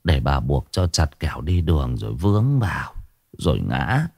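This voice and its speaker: A man voicing a frail old grandmother in her later years, with a hoarse voice, tender and sorrowful. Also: rumbling low, sing-song, normal speed, dry recording, studio quality, voice pushed down, full character voice. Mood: soft scolding. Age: over 60. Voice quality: hoarse, husky voice. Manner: soft, pleading, tearful.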